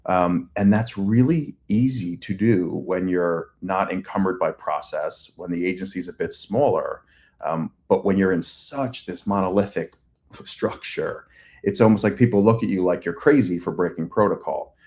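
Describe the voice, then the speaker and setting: A man's voice: low-pitched, normal speed, darkish tone. A man in his forties with a Long Island accent, answering interview questions at length in a chatty way with many fillers. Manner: talkative, uses many fillers and restarts. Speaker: agency CEO guest.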